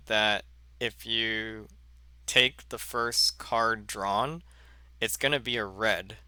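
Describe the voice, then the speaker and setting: A man teaching a math lesson in a slow, halting way, full of fillers and self-corrections. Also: on the low side, bright, forceful tone, clear, resonant tone, no echo. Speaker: math instructor. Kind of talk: recorded lecture.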